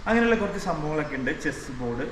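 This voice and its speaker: A man's voice: fairly high pitch, very animated, very fast, fairly bright tone. A man with a Malayali accent giving casual vlog narration, mixing many English words into his Malayalam. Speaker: travel vlogger reviewing a resort. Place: on location around a resort, rooms and rooftop. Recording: echoey, clearly noisy location sound.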